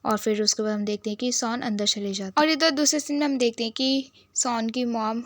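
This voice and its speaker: A woman's voice: a little high, fairly quick, no room sound, clean studio sound. A woman retelling a drama series in casual storytelling narration, lifting her voice for quoted lines. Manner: lively, switches into quoted lines with a lifted voice.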